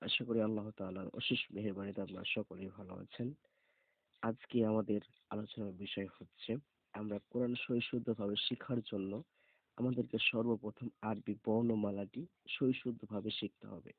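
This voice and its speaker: A man teaching Arabic letter pronunciation, saying each letter slowly and repeating it several times. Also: fairly low pitch, fairly even intonation, creaky, no echo. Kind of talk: slow pronunciation lesson. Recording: tinny phone-like sound.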